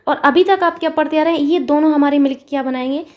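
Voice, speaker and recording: A woman's voice: high-pitched, quick pace. A woman teacher giving an exam-prep grammar lesson, patient and repetitive, talking straight to her students.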